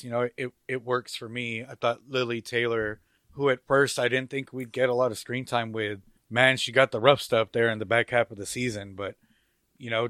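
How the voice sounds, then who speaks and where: A man co-hosting a review podcast, relaxed and chatty at a mid pitch. He tosses out enthusiastic asides as he goes. The recording sounds close and dry. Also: smooth, dry recording. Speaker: podcast co-host. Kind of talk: casual review chat.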